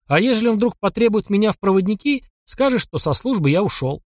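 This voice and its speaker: A man's voice: high voice, very animated, fast talker, no room sound, clean studio sound, voice pushed up. A man voicing a young hunter who is bold, sly and defiant, talking in a mocking, cocky way. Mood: scheming.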